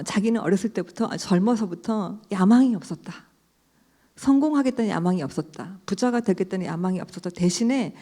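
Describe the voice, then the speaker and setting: Middle-aged woman author, relaxed warm voice, lively storyteller addressing a live audience. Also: medium pitch. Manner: animated storyteller, quoting others, sometimes dropping to a hushed voice. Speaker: author speaking at a book concert.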